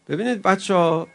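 A man with a notably high voice preaches an emotional religious sermon. He moves from soaring, impassioned cries down to hushed, close words for his listeners. His tone toward the crowd is friendly and familiar. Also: creaky. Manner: swings between loud impassioned cries and soft, intimate address to the audience; chummy, calls listeners friends. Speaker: preacher at a mourning gathering.

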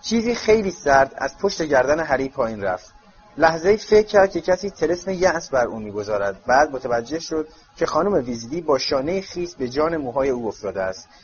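A man narrating a storybook in an expressive, storytelling way. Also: on the high side. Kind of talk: audiobook reading. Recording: slightly muffled audiobook with faint music.

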